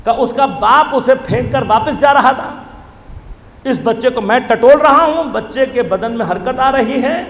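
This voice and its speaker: A man's voice: very high-pitched, fairly bright tone. A male preacher giving a religious sermon, telling a story and building to impassioned, wailing appeals. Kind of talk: Shia majlis sermon. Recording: echoey hall recording, faint background noise.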